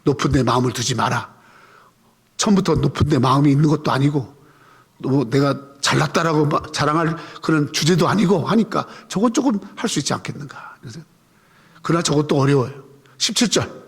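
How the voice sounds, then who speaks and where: A man's voice: fairly high pitch, fairly quick, creaky, husky. A man preaching a conversational sermon, asking the congregation questions and leading them in reading scripture aloud. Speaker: pastor. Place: church sanctuary. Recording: long hall reverb.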